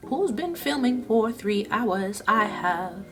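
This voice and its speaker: A woman's voice: mid-range voice, very animated, slow, over music. A woman chatting playfully through a makeup tutorial, joking to herself as she works. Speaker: beauty vlogger. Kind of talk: casual makeup tutorial chat.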